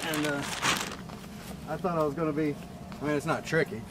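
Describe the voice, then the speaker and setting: A man's voice: a little high, steady tone, a little fast. Laid-back man at a camp. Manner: laid-back, rambling, chuckling often. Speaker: camping vlogger. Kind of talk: casual outdoor camp tour. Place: wooded riverside campsite outdoors. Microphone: handheld camera mic. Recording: faint outdoor noise.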